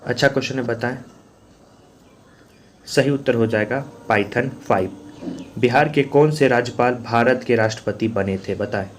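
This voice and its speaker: A man's voice: mid-range voice, moderate pace, pauses often, a little hiss or hum. A man teaching as an exam coach, working through quiz questions and answers in a repetitive, drilling manner. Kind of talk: quiz answer walkthrough lesson.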